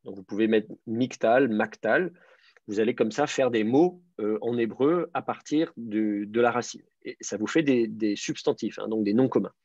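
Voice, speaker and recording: A man's voice: fairly low pitch, normal speed, a little mellow, no room sound. A man teaching an online class, explaining step by step with many fillers and restarts. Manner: hesitant, many fillers and repeated words, patient explaining. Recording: dry, slightly dull lo-fi sound.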